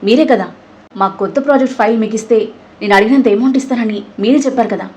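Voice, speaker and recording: A woman's voice: fairly high pitch, quick pace, a little mellow, close to an everyday voice. A woman voicing a panicky, pleading young woman. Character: frightened young woman caught cheating.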